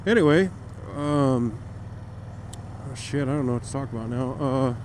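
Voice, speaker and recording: A man's voice: medium pitch, normal speed, darkish tone. A man chats casually and profanely in a rambling way while riding, recorded on a mic inside his motorcycle helmet. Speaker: motorcycle vlogger. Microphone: microphone taped to helmet. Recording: wind and engine noise, helmet mic.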